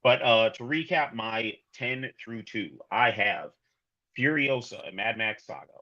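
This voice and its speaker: A man co-hosting a casual film review podcast, enthusiastic and halting with restarts. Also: mid-range voice, sharp tone, muffled recording. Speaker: podcast co-host.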